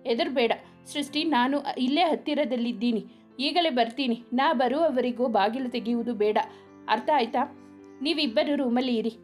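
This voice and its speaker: A protective young man in a storybook, read by a woman who barely shifts her voice. He speaks firmly and reassuringly, in a high, light tone. Faint music plays underneath. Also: moderate pace. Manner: reassuring, firm.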